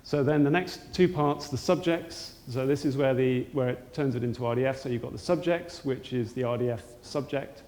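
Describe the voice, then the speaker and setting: A man's voice: medium pitch, moderate pace, hardly any pauses, darkish tone. A man giving a technical conference talk, hesitant, with frequent ums and restarts. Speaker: conference speaker. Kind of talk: technical presentation. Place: conference hall. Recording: roomy hall with long reverb, faint noise.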